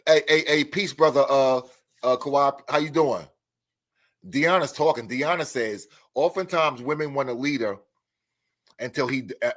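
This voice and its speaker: A man's voice: mid-range voice, fairly bright tone. A man hosting a live chat stream, talking emphatically and often repeating himself. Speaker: host.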